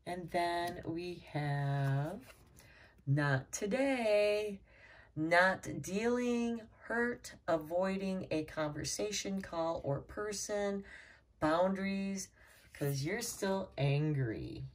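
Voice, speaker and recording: A woman with a low, deep voice gives a tarot reading, taking her time over every card. She talks in a calm, measured, reassuring way, and she sits a little back from the microphone. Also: far from the mic. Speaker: tarot reader.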